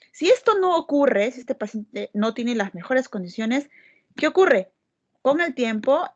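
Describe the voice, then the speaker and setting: Brief: woman lecturer, highish voice, patient explainer, dull lo-fi recording. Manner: explanatory, asks frequent tag questions. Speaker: medical lecturer. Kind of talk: classroom lecture.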